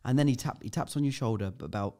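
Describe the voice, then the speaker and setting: A man's voice: medium pitch, fast talker, dark tone. Man, podcast guest, mid-range voice, vivid and blunt storyteller. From United Kingdom. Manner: vivid storyteller, swears freely. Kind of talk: casual chat, anecdote.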